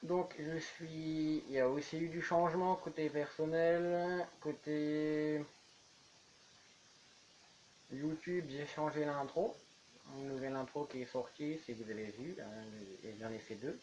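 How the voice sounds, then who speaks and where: A man's voice: a little high, steady tone, unhurried, a little mellow, highs cut off, a little hiss or hum. A man chatting casually while building in a game, rambling on as he goes. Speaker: YouTuber. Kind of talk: casual gameplay commentary.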